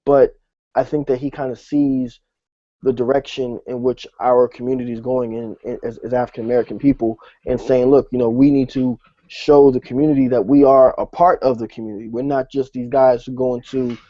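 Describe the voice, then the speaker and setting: A man from New Jersey co-hosting a panel discussion, animated and full of fillers and restarts. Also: medium pitch, dry recording. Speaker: podcast co-host. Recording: dull, lo-fi audio.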